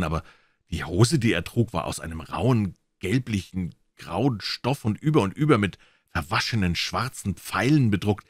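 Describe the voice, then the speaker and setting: A man with a very low voice reads a crime story aloud. His delivery is expressive and rises and falls widely, and the sound is close and dry. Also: dry recording. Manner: dramatic, expressive reading. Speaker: audiobook reader. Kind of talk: scripted narration of a classic crime story.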